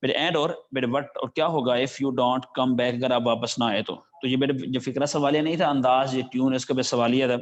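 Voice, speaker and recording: Pakistani guy teaching english, reads a line slow then explains it, dull lo-fi sound. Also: medium pitch, fairly even intonation. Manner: reads English lines slowly, then explains them in Urdu with many fillers. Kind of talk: line-by-line lesson translating a story into Urdu. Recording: dull lo-fi recording.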